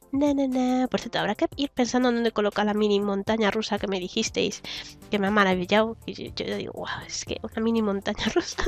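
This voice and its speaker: A young woman giving casual, giggly commentary while playing a video game, humming to herself, her throat a little sore. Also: mid-range voice. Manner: chatty, giggly, hums and sings to herself. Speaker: gaming YouTuber.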